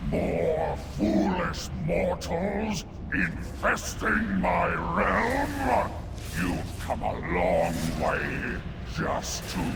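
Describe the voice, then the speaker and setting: An actor playing a menacing, arrogant, bloodthirsty demon lord in a video game, gravelly and imperious as he shouts threats. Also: high-pitched, sing-song, drawn-out words, heavily acted. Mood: scornful menace. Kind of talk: video game villain acting. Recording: loud music behind.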